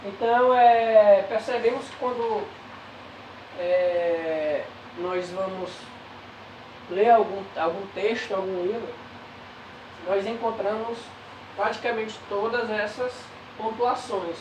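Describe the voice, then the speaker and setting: A Brazilian woman teaching a grade-school class, pausing with drawn-out fillers between phrases. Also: medium pitch, distant mic, noisy background. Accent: Brazilian Portuguese. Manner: slow, hesitant, many drawn-out fillers. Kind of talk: recorded remote lesson. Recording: echoey room, voice off-mic.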